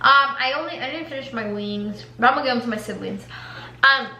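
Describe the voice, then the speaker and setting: A teenage girl talks casually to her camera in a high, bright voice, slangy and full of "like". The room around her sounds roomy and echoey, with a faint hum behind. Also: fairly quick. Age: teens. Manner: chatty, slangy, heavy use of "like". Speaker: vlogger. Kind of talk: casual mukbang chat to camera. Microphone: camera mic.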